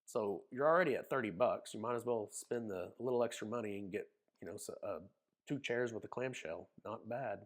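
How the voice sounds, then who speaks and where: A man's voice: fairly low pitch, brisk. A man with an Oklahoma accent, casually narrating a screen walkthrough in a folksy, chatty way. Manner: folksy, chatty, says y'all. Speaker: cruise vlogger.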